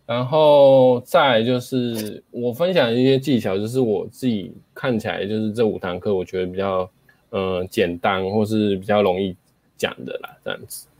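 A man's voice: on the low side, normal speed, darkish tone, no echo. A man hosting casual talk, explaining speaking skills, demonstrating examples aloud and using frequent fillers.

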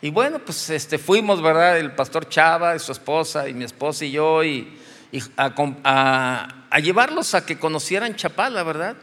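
A Mexican pastor preaching in a slightly high voice that rings through the long reverb of a church hall. His delivery is chatty and full of humor, like a man telling an anecdote among friends before he brings it back to the point. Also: animated, moderate pace, a bit bright. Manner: conversational, joking storytelling from the pulpit. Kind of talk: sermon.

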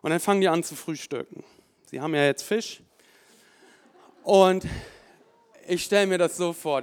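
A fairly high-voiced man preaching with lively emphasis. He acts out the thoughts of the people in the story. His voice rings with a long reverb, as in a church hall. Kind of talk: sermon.

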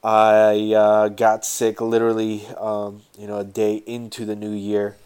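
Stuffed-up, mouth-breathing man, flat low voice. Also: moderate pace, smooth. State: stuffed-up nose, getting over a sinus infection. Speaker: podcast host. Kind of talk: casual solo podcast talk with sponsor plugs.

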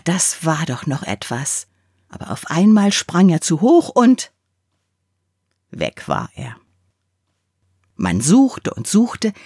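Slow, expressive woman reading a fairy tale. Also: medium pitch, breathy edge, no echo, studio quality. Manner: expressive, unhurried storytelling. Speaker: reader.

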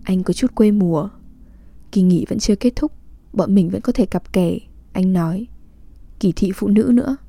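A woman reads a literary diary aloud, calm and measured in an intimate way. Her voice is deeply mellow and dark, close and dry with no room sound. She keeps an even, unhurried reading tone throughout. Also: vocal fry, no room sound. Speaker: reader.

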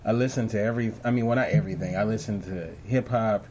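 The podcast host talks fast in a fairly low voice, keeping his online talk show loose and casual. He rambles through the interview chat with many fillers and restarts, and a little hiss or hum can be heard.

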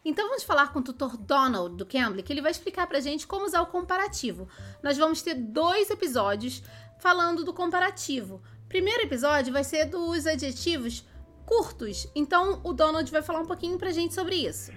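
A woman's voice: high voice, animated, fairly quick, fairly bright tone. A woman hosting a children's learning podcast, introducing a tutor and explaining the lesson to listeners. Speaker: podcast host. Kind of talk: explaining to parents.

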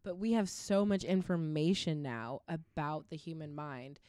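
A woman's voice: low voice, measured pace, warm tone, no echo, studio quality. A woman co-hosting a casual chat, reading from her notes and breaking off to joke and swear. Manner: reads notes, then jokes and swears. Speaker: podcast co-host.

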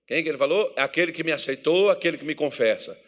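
A Brazilian man preaching a sermon with fervour, moving between loud calls to the congregation and quiet, close tones. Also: fast talker. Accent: Brazilian Portuguese. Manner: fervent, swings from loud exhortation to low intimate tones.

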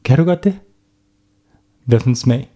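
A man's voice: mid-range voice, lively intonation, dark tone. A man telling a bedtime story to children in a playful way, stopping to ask them questions.

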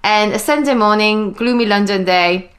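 Speaking at normal speed in a medium, slightly bright voice, this woman from Belgium in her forties rambles chattily through her story as a podcast guest. It is a casual interview with plenty of laughter.

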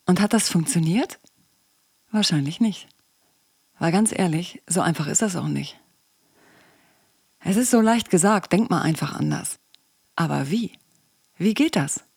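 Middle-aged woman, podcast host, chatty, questioning, lowish voice, dry close sound. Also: expressive, unhurried, gravelly, long pauses, darkish tone, breathy edge, no room sound. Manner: conversational, asks the listener questions. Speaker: psychologist and coach, podcast host. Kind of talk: casual podcast monologue.

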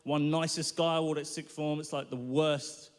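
At a live worship event, a guest speaker delivers a personal testimony sermon, telling his story in an animated, self-mocking way. His smooth voice sits slightly high for a man and moves at normal speed, echoing through a big hall with long reverb.

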